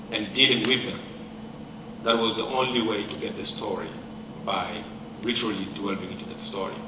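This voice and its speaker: A middle-aged professor from Senegal, who is not a native English speaker, gives a personal lecture in a large hall, measured and reflective with frequent pauses. His pitch is fairly low, and he's picked up from a distance by a handheld mic and a far camera. The echoey hall mic also catches room noise.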